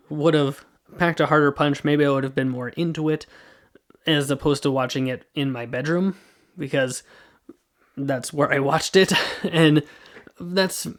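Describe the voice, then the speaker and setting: A man hosting a solo movie podcast, reviewing a film in a casual, rambling way and often correcting himself. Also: medium pitch. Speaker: podcast host.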